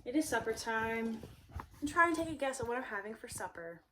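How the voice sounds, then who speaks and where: A woman's voice: on the high side, animated, brisk, pushed and bright, slight background noise. A young woman vlogging casually at home, chatty and self-deprecating, laughing often. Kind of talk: casual food vlog chat. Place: indoors at home.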